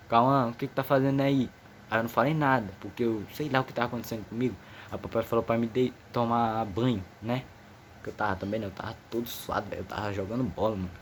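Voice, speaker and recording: A 15-year-old boy from Amazonas in northern Brazil vlogs about his own life in a casual, storytelling way. He seems a bit nervous, speaking in slang, rambling, and restarting often. His voice is mid-range, with faint noise behind him.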